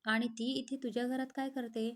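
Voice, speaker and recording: In a read-aloud storybook, a woman voices a chatty young man who teases his friend. He's lovestruck, pushy and joking, and she gives him an earnest, teasing delivery with a fairly high, fairly flat pitch, a slightly fast pace and a natural voice.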